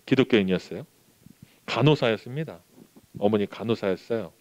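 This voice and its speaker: A man's voice: medium pitch, smooth, dull audio. A young male pastor giving a sermon to a youth group, telling a family story and acting out the voices in it. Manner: animated storytelling, acts out quoted voices.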